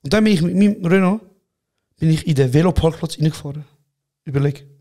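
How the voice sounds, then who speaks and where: A quick-talking young Swiss German man with a somewhat high voice tells a heated story in a casual podcast. He plays out both sides of a quarrel with lots of energy. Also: dark tone. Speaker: podcast co-host. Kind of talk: casual chat.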